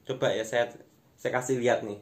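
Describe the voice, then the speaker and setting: A man's voice: mid-range voice, steady tone, brisk. A young man, delivering a conversational, self-deprecating stand-up monologue to camera in a room at home. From Indonesia. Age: young adult. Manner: conversational, self-deprecating, often addressing listeners as friends. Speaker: amateur stand-up comedian. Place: small room at home, indoors.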